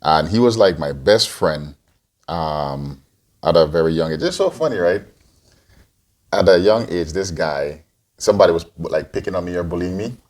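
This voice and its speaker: A man's voice: sits low, expressive, normal speed, darkish tone. A man in his forties, from Guyana and raised in Antigua, answering interview questions as a podcast co-host, rambling with many restarts. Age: 40s.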